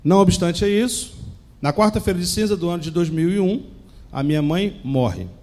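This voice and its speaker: A man in his forties with a Rio de Janeiro Brazilian accent preaches a sermon and weaves in his own testimony. His voice sits a little high, yet the tone stays mellow and dark. He leans on dramatic pauses and puts direct questions to the congregation. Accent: Brazilian Portuguese, Rio de Janeiro.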